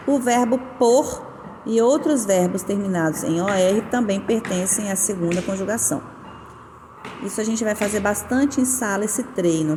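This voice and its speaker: A woman teaching a recorded lesson, explaining patiently and stretching out stressed syllables. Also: mid-range voice. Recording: roomy with long reverb and faint noise.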